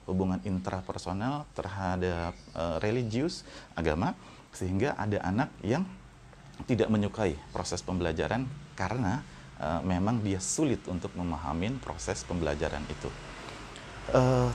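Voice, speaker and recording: A man explaining in a measured educational monologue, often pausing on hesitation fillers. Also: deep voice, darkish tone, slight background noise.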